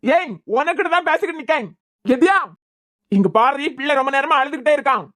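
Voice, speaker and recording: A woman's voice: sits high, fairly quick, a bit bright. Woman voicing an angry cartoon husband. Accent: Kanyakumari Tamil. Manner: scolding, raising his voice. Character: angry young husband and father, hot-tempered. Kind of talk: cartoon serial voice acting.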